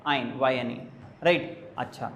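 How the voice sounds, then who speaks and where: A man's voice: mid-range voice, a little slow, fairly bright tone. A male chemistry teacher giving a classroom lecture step by step. He asks questions and answers them himself, counting carbons aloud. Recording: echoey room with faint background hiss.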